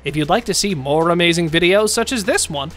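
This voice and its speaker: A narrator reading a scripted countdown video in a lively, sing-song way. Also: medium pitch, brisk, faint music behind.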